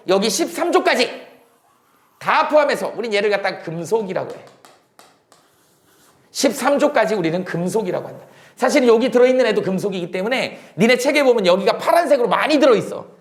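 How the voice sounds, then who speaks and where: Animated male science teacher, echoey room. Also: high voice. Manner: explains in a casual speaking style, asks questions and then answers them himself. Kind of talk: classroom lecture.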